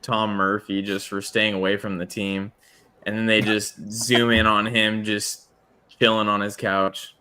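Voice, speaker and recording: A man co-hosting a sports podcast in casual chat, with a dry, deadpan sense of humor. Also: fairly low pitch, a little slow, clear, resonant tone. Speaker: podcast co-host.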